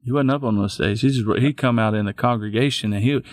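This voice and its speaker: A man's voice: mid-range voice, quick pace, dry recording, studio quality. A middle-aged man, a pastor telling his own story in an interview, plainspoken and folksy, often restarting his sentences. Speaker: pastor and guest. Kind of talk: personal storytelling in a podcast interview.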